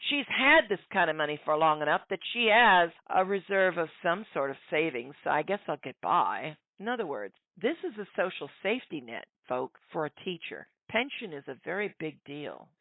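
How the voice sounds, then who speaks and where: A woman's voice: fairly low pitch, very animated, normal speed, few pauses, no echo. A middle-aged woman giving a sarcastic political commentary monologue, often calling her listeners folks. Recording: dry, tinny phone-like sound.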